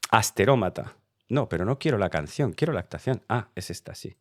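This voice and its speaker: Reacting to a song contest entry, a Spanish Eurovision YouTuber talks in a chatty, enthusiastic way full of fillers and restarts. His lowish voice is animated and a little fast, in clean studio sound with no echo.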